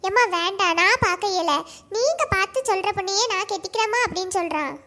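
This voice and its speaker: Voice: very high voice, fast talker, sharp tone, heavily acted. A performer voicing a worried village mother from a cartoon, chatting homely. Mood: fretful. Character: worried village mother arranging her son's marriage.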